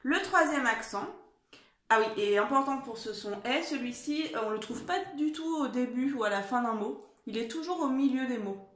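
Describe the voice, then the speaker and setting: A woman's high, expressive voice, bright and at normal speed, echoes around a room at home. She's a primary school teacher leading little kids through spelling, encouraging them patiently and often asking how the class is doing.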